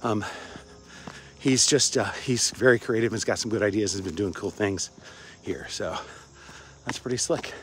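An older man from Cincinnati, Ohio, vlogs as he walks a suburban campus outdoors, holding his phone at arm's length and using wireless earbuds. His voice is lowish and fairly bright at a moderate pace, and he rambles chattily with frequent fillers and chuckles.

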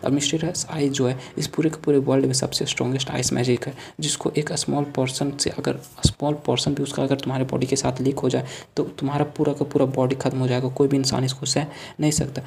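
A man with an Indian Hindi accent races through a manga story recap in a flat, steady delivery. His voice has a gravelly texture. A faint hiss of noise sits under the recording. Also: mid-range voice. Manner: retells dialogue in plain narrator voice, quick and flat. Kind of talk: fast storytelling recap narration.

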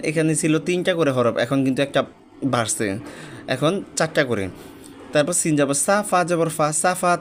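A man's voice: fairly high pitch, slight background noise. A man teaching Quran reading step by step, spelling each letter with its vowel mark and joining the syllables patiently. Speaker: religious teacher.

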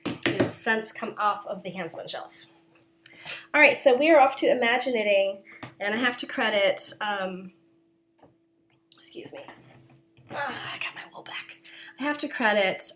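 A woman's voice: medium pitch, a bit bright, a little hiss or hum. Woman, knitting podcast host, casual chatty delivery, coughing, self-deprecating. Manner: chatty, self-deprecating, apologetic, with many fillers. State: coughing, throat-clearing. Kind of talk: casual chat. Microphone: camera.

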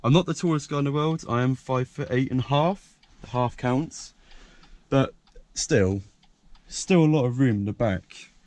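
A young man with a croaky voice, talking casually and rambling with lots of fillers while he films himself showing off his car. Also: medium pitch, moderate pace, darkish tone. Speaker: car vlogger. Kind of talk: casual point-of-view car walkaround. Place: parked car by a country lane, outdoors and inside the car. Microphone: action camera held by hand.

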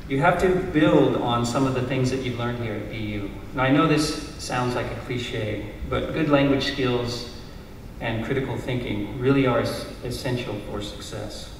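A man's voice: medium pitch, normal speed, a little hiss or hum. A middle-aged man reading an earnest, encouraging commencement speech from notes at a stand mic on a stage. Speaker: university lecturer giving a commencement speech. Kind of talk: prepared speech read from notes. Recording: roomy hall sound, heard from a distance.

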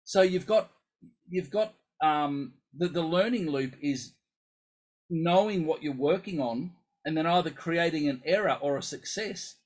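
A man with a husky, slightly raised voice, explaining practice methods to musicians in a lively, emphatic way. He talks casually, acting out the voices in his head as he goes. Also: a little high, a little slow, poor audio. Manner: animated, emphatic, acts out inner voices. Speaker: coach for musicians with focal dystonia.

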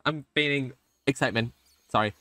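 A man's voice: medium pitch, brisk, pushed and bright, dry recording. A young man streaming a video game, commenting casually with lots of sarcasm, swearing and laughter. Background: faint game music.

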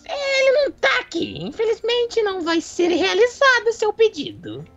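A woman voicing an evil clown in a children's Minecraft role-play, with a giggly, sinister sing-song manner and drawn-out, threatening words. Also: extremely high pitch, very animated, full character voice. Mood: demanding. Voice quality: creaky, put-on evil voice. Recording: dull lo-fi sound, music behind.

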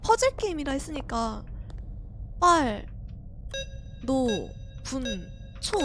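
A woman's voice: sits high, sing-song, takes it slowly, noisy background. A young woman streaming a horror game, talking herself through it, jumpy and frightened, laughing and shrieking as she plays. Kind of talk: horror game let's play commentary.

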